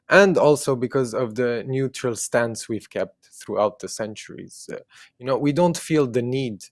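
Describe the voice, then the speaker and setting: A man from Jerusalem whose first language is Armenian speaks earnestly as an activist guest in an interview, using many fillers and restarts. His voice is on the low side, recorded in studio quality with no echo.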